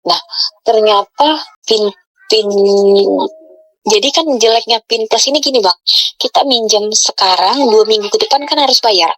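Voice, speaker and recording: An earnest middle-aged woman recounting a hard personal story in an interview. She repeats herself and keeps turning to the host as she speaks. Her voice sits at an ordinary pitch, recorded close and dry. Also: a bit bright, dry recording. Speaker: interviewee, borrower in debt. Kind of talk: candid personal account.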